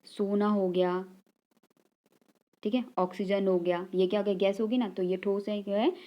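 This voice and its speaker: A woman teaches an exam-prep grammar lesson, repeating key terms, asking rhetorical questions, and checking in often with "ठीक है" ("okay"). She speaks at a medium pitch with a steady tone and moderate pace. The recording's highs are cut off.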